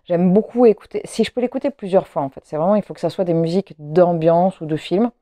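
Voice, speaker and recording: A woman's voice: fairly low pitch, fast, dark tone, no room sound. A woman vlogger chatting casually to camera at home, rambling with frequent hesitations and restarts. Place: at home, seated.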